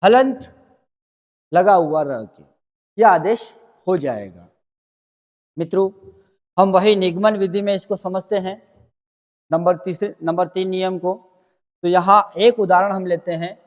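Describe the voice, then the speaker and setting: A man with a high voice teaching a grammar lesson. He explains each point step by step, putting questions to his students and answering them himself. A long reverb hangs on his voice from the room. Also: a little slow, long pauses.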